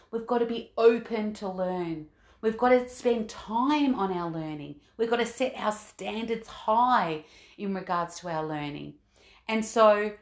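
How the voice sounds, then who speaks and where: A woman hosting a motivational coaching podcast, speaking in an earnest, encouraging way and repeating her key phrases. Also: medium pitch. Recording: echoey room.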